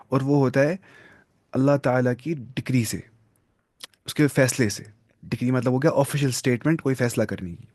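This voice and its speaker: Guy teaching a lesson, reads the text slow then explains it casual, keeps asking "right?", dry close sound. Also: mid-range voice, a little mellow, no room sound. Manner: reads English text slowly, explains casually with tag questions. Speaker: religious studies teacher.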